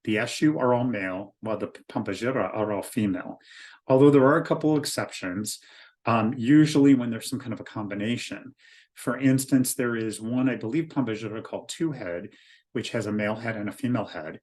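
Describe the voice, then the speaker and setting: A man with a fairly low-pitched voice gives an informal spoken lecture. He speaks as an author and spiritual teacher, earnest and explanatory. His delivery is hesitant, with frequent ums and self-corrections. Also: fairly quick, a little mellow.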